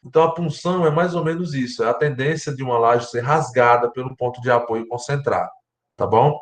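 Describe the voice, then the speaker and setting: Brazilian man, university lecturer, going hoarse, explanatory, roomy echo. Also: medium pitch, a little fast. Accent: Brazilian Portuguese. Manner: explanatory, checks in with "tá?" and "né?". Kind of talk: online architecture lecture.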